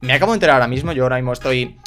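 Excitable Spanish-accented man. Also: medium pitch, racing, faint music behind. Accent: Spain Spanish. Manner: excitable, chatty. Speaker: YouTube host. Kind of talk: casual reaction commentary.

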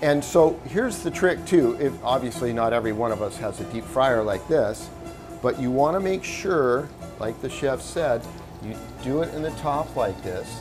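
A man's voice: medium pitch, lively intonation, moderate pace. A middle-aged man hosting a TV cooking segment in a restaurant kitchen, chatty and joking. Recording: background music under the talk.

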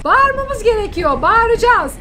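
A woman playing a video game with her daughter, cheering and talking excitedly to viewers. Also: very high voice, normal speed, very noisy. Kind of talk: lively family gaming commentary.

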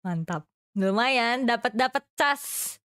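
A woman's voice: a little high, animated, slow pace, a bit bright, smooth, dry recording, clean studio sound. A woman streamer, bantering casually during a gaming livestream. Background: music.

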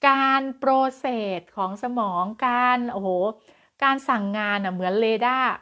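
A woman child development coach giving an advice lesson to parents, chatty and expressive, with many fillers and soft polite endings. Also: mid-range voice, moderate pace.

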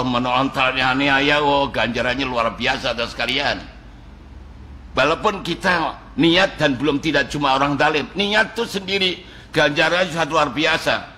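A male preacher gives an evening religious lecture in a prayer hall. His voice is bright and forward, and he tells animated stories, dropping to a hush and then rising loud. Faint room ambience sits behind him. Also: mid-range voice, slight background noise. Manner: animated storytelling preacher, swings between hushed and loud. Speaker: religious teacher.

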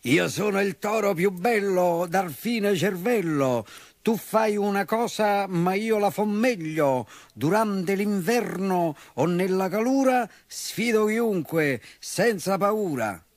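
A man voicing a boastful, lazy and dim-witted bull in a storybook, bragging loudly in rhymes. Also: sits high, animated, takes it slowly, no echo, studio quality, pitched above the performer's own voice, full character voice. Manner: loud bragging sing-song rhymes.

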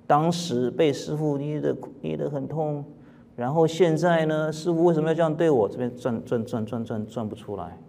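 A male Buddhist teacher gives a dharma lecture in a calm, unhurried way. He speaks plainly at a middling pitch, often poses questions to his listeners and clears his throat from time to time. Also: slight background noise.

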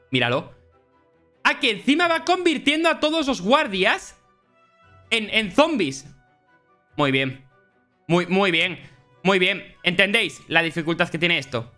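A young man doing excited gameplay commentary, chattering to his viewers and breaking into panicky shouts. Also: high voice. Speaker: gaming YouTuber.

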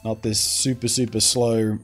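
A man's voice: fairly low pitch, little pitch movement, a little slow, fairly bright tone, faint music behind. Rambling, opinionated male streamer. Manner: rambling, opinionated, trailing off and restarting. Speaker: streamer answering chat. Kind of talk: casual live-stream chat.

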